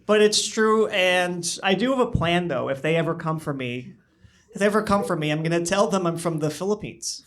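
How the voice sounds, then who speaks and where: A young man doing a stand-up comedy set in a small club, talking into a handheld microphone with a dry, understated delivery and halting restarts. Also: sits high, animated, a bit bright. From born in China, raised in the US. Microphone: handheld stage microphone.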